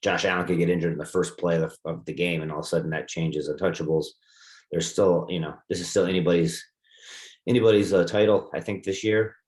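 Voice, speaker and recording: A man with a very deep voice chats about fantasy football odds and playoff chances. He thinks aloud loosely, restarting phrases and leaning on "you know." His voice sounds roomy, with echo around it. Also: fairly even intonation, fast, darkish tone. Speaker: fantasy football league co-host. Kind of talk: casual podcast chat.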